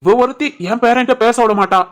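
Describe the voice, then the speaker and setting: A woman's voice: fairly high pitch, brisk, clean tone, close to an everyday voice. A woman doing a cheeky cartoon grandfather. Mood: joking. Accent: southern Tamil, Tirunelveli. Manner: teasing, warm, jokey. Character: joking older grandfather, doting and cheeky.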